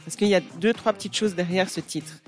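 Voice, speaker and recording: A woman's voice: medium pitch, a little fast. Woman presenting a radio music segment. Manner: lively, explanatory storytelling. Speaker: radio columnist. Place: radio studio.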